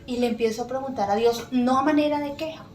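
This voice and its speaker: A middle-aged woman giving an earnest, emotional personal faith testimony as a podcast guest, pausing often with soft fillers. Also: on the high side. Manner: earnest, emotional storytelling with many pauses and fillers. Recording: echoey room with faint music.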